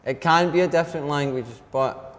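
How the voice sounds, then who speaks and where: A Scottish man in his fifties, a teacher, chatting as an interview guest and speaking slowly and clearly on purpose. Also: on the high side, steady tone. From Scotland. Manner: deliberately slowed, clear speech. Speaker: head of an English department, guest. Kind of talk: casual interview chat. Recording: long reverb with faint background noise.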